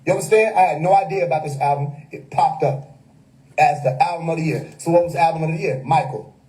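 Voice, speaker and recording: A man's voice: fairly high pitch, fast talker, a little mellow, rough recording. A man, hosting a casual livestream monologue that preaches hidden meanings with wordplay and frequent laughter. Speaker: livestream host. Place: home.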